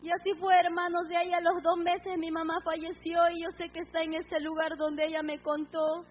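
A woman's voice: extremely high pitch, little pitch movement, normal speed. A woman giving a fervent, tearful church testimony, calling out praises as she speaks. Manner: tearful, fervent, calls out hallelujahs. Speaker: testimony giver. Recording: muffled lo-fi recording with faint hum.

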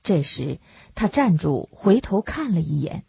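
A woman narrating a story in a measured, storytelling manner with a husky voice. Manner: measured storytelling, lively pitch. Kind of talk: audiobook narration. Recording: dull lo-fi dry recording.

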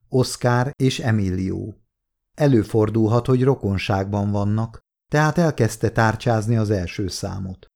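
A man reading an audiobook in measured, even storytelling narration. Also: lowish voice.

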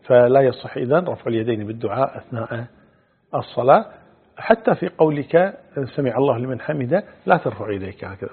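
Man, religious scholar, brisk delivery, husky voice, phone-like narrow sound. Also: medium pitch. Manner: measured, explanatory, quotes hadith. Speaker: Islamic scholar answering religious questions. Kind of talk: religious fatwa answers.

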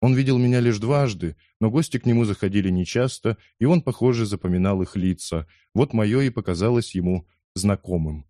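Low dark-voiced male storyteller. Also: brisk, few pauses, dry recording, clean studio sound. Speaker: audiobook reader. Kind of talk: scripted first-person narration.

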